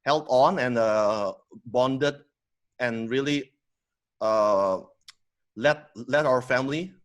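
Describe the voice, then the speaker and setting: Raised in Indonesia, a man in his thirties co-founded a company and now appears as a podcast guest, telling his story casually. His middle-pitched speech is halting, with lots of fillers and restarts, and he laughs readily.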